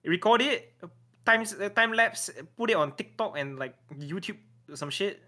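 A man's voice: sits high, lively intonation, moderate pace, bright, forceful tone. A man chatting casually on a podcast, offering encouragement in loose, informal phrasing. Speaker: streamer and podcast co-host.

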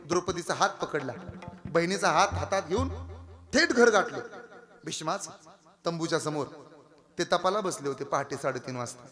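A man's voice: a little high, animated, normal speed, pauses often, fairly bright tone. A male kirtan preacher with a Marathi accent, joking with the crowd, coaxing them to answer back, and breaking into devotional song. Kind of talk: devotional kirtan sermon with singing.

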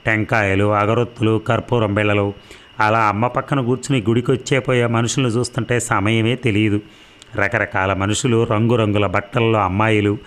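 Audiobook narrator, man, low voice, steady novel reading. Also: moderate pace. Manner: steady, storytelling.

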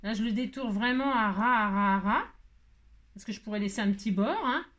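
A woman hosting a casual craft tutorial, chatting to viewers in a rambling, hurried, self-mocking way with many asides. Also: fairly high pitch, fairly bright tone.

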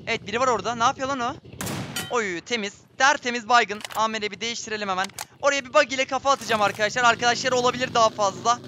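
A man giving excitable, running commentary on his own gameplay, often exclaiming when things go wrong. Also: very high voice, rapid-fire, background noise. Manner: excitable, swears and exclaims at deaths. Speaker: gaming streamer. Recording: game sounds and gunfire behind voice.

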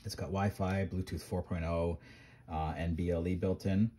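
A man's voice: low-pitched, level tone, normal speed, dark tone, a little hiss or hum. A man at his workbench casually showing microcontroller boards, rambling with lots of ums and restarts. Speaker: maker reviewing microcontrollers. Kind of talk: casual hands-on tech demo.

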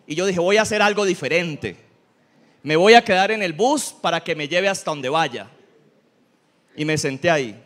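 A pastor delivers a lively sermon, mixing humor with earnest teaching. His voice sits notably high for a man. He keeps the congregation engaged with questions and jokes. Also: normal speed, long pauses. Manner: humorous, animated preaching with audience questions.

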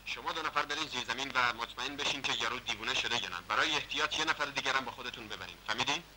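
A man's voice: mid-range voice, over a noisy crowd, lightly acted, poor audio. An actor playing a menacing male gang leader who gloats and threatens in a dubbed 1960s film. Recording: hissy old film soundtrack.

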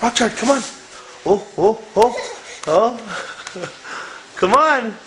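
A woman's voice: fairly high pitch, animated, slow pace, fairly bright tone, slight background noise, low-quality recording. A mother filming her baby, coaxing him in playful baby talk. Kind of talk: casual family vlog.

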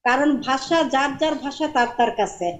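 A woman's voice: high voice, moderate pace. A woman from Barishal joining a TV talk show by video call, chatty and repeating herself as she tells stories. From Barishal, Bangladesh. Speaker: call-in guest. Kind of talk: casual chat on a video call.

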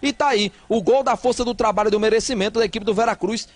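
Man, high pitch, live football analysis, emphatic, repetitive phrasing. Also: quick pace, dry recording.

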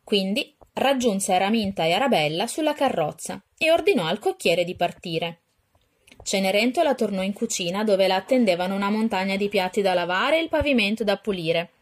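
Brief: woman storyteller, children's read-aloud, expressive and even. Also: medium pitch, a little fast. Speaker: storyteller for a children's dance class.

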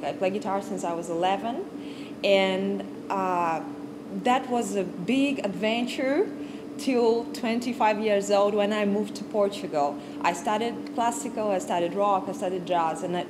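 A young Kazakh woman, a guest music lecturer, gives an informal music talk to a class on a large stage with a piano. Her English is unhurried, her voice mid-range, and she searches for words and restarts often. A far camera with no handheld mic picks her up, along with audible background noise on stage.

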